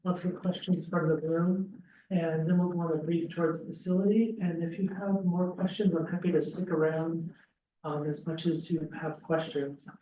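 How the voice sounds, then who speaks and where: Man giving a casual talk, higher voice, mellow tone, roomy echo, far from the webcam mic. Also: normal speed, muffled recording, slight background noise. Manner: relaxed, frequent ums and restarts. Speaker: school dean giving an info session. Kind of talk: informal presentation to prospective students. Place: classroom with audience, also streamed on a video call. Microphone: laptop webcam some distance away. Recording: roomy, distant webcam audio.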